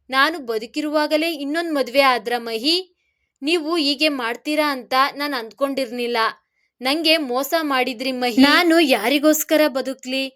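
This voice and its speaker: A woman's voice: sits high, fairly bright tone. A woman voicing a jealous, scheming young wife who puts on tearful, theatrical pleading.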